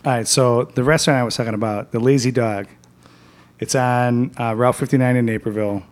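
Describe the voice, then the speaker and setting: A man hosting a casual podcast chat, laughing often and chiming in with quick agreement. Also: medium pitch, fairly even intonation. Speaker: podcast host.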